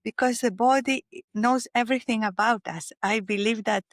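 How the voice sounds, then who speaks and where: Greek-accented woman, soft and searching. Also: a little high, moderate pace, dry recording, studio quality. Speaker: guest spiritual teacher. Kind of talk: reflective interview talk.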